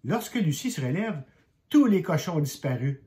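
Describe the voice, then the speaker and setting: An older man reading a children's book aloud as a grandfather, lively and expressive, going quiet for suspense. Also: a little high, moderate pace. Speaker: grandfather storyteller.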